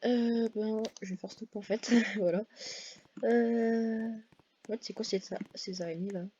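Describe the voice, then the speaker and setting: A woman's voice: a little high, fairly even intonation, slow, warm tone, breathy edge, dull audio. A woman giving casual, hesitant commentary over her gameplay, full of fillers and self-corrections. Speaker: gaming video creator.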